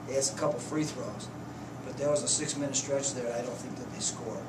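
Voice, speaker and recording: A man in his fifties, a head coach giving plainspoken, halting postgame answers at a press conference table. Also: mid-range voice, fairly even intonation. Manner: plainspoken, halting, restarts often. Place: press conference room, indoors. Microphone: table mics, heard from a distance. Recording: echoey room, distant mic, noisy.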